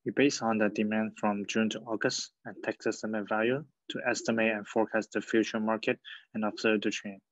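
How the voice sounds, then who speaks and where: A man student presenter reading his part of a project presentation in a plain, halting way, on a dull lo-fi recording. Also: lowish voice, little pitch movement, no room sound.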